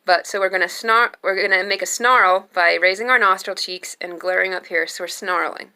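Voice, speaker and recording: A young adult woman giving a singing lesson, explaining slowly and calmly between sung demonstration notes. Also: fairly low pitch, background noise. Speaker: singing teacher.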